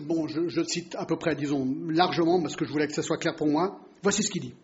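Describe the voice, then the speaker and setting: A man giving a Bible teaching sermon, explaining and putting rhetorical questions to his listeners. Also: high-pitched. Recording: dull lo-fi recording.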